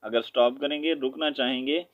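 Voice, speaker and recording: A man teaching Quran recitation, spelling out letters and reciting slowly, then explaining in quick asides with a Pakistani Urdu accent. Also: medium pitch, fairly even intonation, phone-quality sound.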